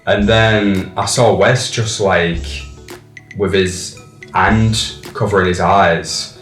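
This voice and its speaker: A man, a band member speaking reflectively and haltingly in a documentary interview. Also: deep voice, steady tone, fairly bright tone, roomy sound, recorded from a distance, faint music behind.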